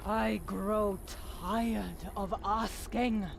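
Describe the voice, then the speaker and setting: An actress playing a proud, unhinged villainess in a video game, delivering threats with slow, theatrical menace. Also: female voice, medium pitch, steady tone, vocal fry. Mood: threatening anger. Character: menacing villainous woman, proud, unhinged, believes herself a goddess. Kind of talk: dramatic video game voice acting. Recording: loud ambient noise behind voice.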